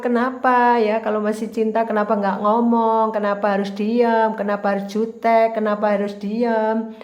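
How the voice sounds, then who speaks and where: A woman's voice: fairly high pitch, darkish tone. A woman giving a casual tarot reading, talking straight to the viewer in a chatty, repetitive way. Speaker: tarot reader. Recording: roomy echo.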